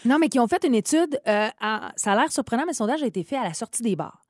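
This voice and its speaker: A woman in her thirties with a Quebec French accent, co-hosting a casual radio chat, lively and laughing often. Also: a little high, fast, no room sound, studio quality. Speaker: radio co-host.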